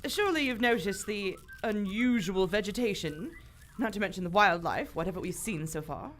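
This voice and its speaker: An actress playing a bold, unflappable lady adventurer with a brisk, formal, confident manner in a live radio adventure. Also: mid-range voice, a bit bright, a little hiss or hum, natural voice. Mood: observant, assured. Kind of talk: old-time radio adventure acting, live theater.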